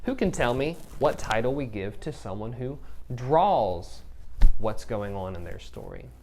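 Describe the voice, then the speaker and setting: Male teacher, recorded kindergarten lesson, slow unhurried delivery, encouraging, pauses for answers. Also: mid-range voice, wildly swooping pitch, darkish tone, slight background noise. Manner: slow, clear, encouraging, pausing for children's answers.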